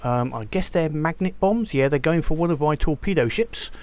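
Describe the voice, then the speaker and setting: A man's voice: fairly high pitch, expressive, normal speed, a little mellow. A man giving casual let's-play commentary, chatty and hesitant with many ums and restarts. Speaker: gameplay commentator.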